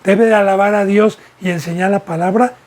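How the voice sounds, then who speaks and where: A man's voice: sits high, steady tone, fairly quick, a little mellow. A man from Mexico, preaching a sermon as a pastor and asking repeated rhetorical questions. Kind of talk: sermon teaching.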